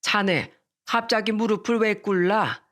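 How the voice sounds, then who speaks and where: A woman's voice: mid-range voice, a little slow, fairly bright tone, lightly acted. Woman doing a hearty middle-aged father.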